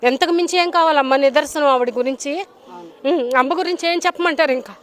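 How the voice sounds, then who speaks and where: A tearful woman pours out a devotional testimony in a high, quick voice. Her words tumble out fervent and pleading, each point pressed home with emphasis. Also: fairly bright tone. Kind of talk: emotional testimonial to a reporter. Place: temple grounds.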